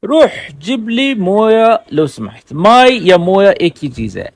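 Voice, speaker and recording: A man teaching spoken Arabic, repeating each phrase slowly and explaining it word by word. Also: high-pitched, big pitch swings, gravelly. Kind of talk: language lesson.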